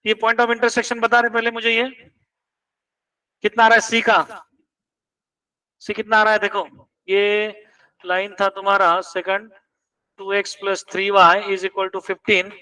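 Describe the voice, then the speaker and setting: A man's voice: sits high, level tone, measured pace, pauses often, sharp tone, clear, resonant tone, far from the mic, rough recording. A man teaching math in a classroom, quizzing students and pressing them to check each step. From India.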